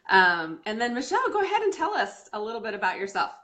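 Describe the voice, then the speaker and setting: A woman's voice: a little high, big pitch swings, quick pace, fairly bright tone, lo-fi sound. A middle-aged woman hosting a casual live stream, chatty, with many fillers and restarts. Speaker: host.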